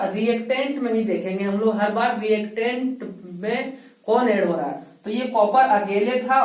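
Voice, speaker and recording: A woman's voice: a little high, a little mellow. A woman teaching a school chemistry lesson, explaining step by step and asking rhetorical questions. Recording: echoey room, voice heard from a distance.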